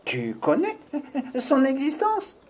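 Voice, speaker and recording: Woman voicing a little male squirrel, proud and curious, bouncy pitch, slow, mellow tone. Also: wildly swooping pitch, heavily acted. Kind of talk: children's audio story acting.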